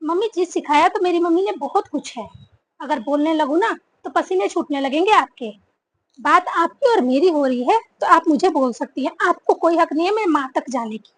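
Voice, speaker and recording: A woman's voice: very high-pitched, dry recording. A woman acting a bold newly married daughter-in-law who firmly talks back in a family drama. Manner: defiant, firm.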